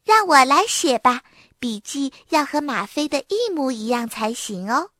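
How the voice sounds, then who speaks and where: A woman's voice: sits high, expressive, normal speed, dry recording, clean studio sound. A woman voicing a spirited, helpful young girl monkey in a read-aloud children's storybook. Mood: eager.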